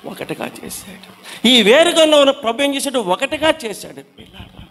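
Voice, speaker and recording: A man with a strikingly high voice leads a Bible study. He calls his listeners children. He repeats his questions to the group and then answers them himself. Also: lively intonation, fast talker, a bit bright, big-room sound.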